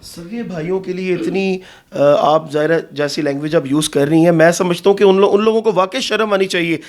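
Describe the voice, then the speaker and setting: A man from Pakistan interviewing a guest, asking probing, sympathetic questions. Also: sits high.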